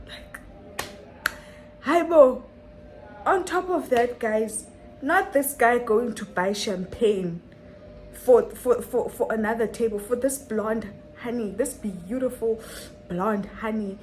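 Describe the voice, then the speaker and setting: A woman's voice: mid-range voice, darkish tone, poor audio. A young woman telling a dramatic story on her vlog, full of rhetorical questions and repetition. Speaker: vlogger.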